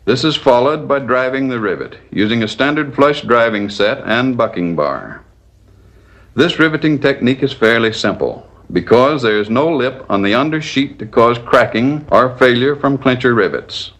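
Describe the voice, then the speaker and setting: A man narrates a scripted 1940s instructional film, measured and didactic, walking through each step. His voice is mid-range and a bit bright.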